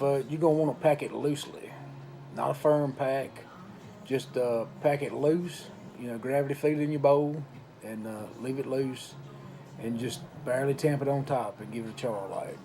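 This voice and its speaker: Mellow, unhurried man reviewing casually. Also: medium pitch, steady tone, a little hiss or hum. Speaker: pipe tobacco reviewer. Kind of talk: casual product review talk.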